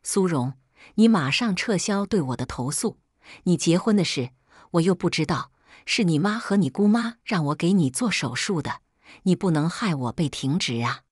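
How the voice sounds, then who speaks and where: Brief: woman playing a resentful male doctor, husky and lively. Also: fairly low pitch, normal speed, no room sound, clean studio sound. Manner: pleading and resentful. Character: angry male doctor blaming others.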